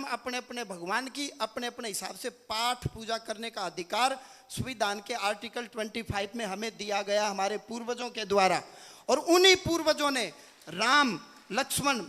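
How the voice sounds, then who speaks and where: A man with a Haryanvi accent giving an impassioned religious speech at a gathering, declaiming in fervent bursts that rise to loud peaks. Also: very high voice. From India. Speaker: religious leader. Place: hall at a gathering. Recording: long hall reverb.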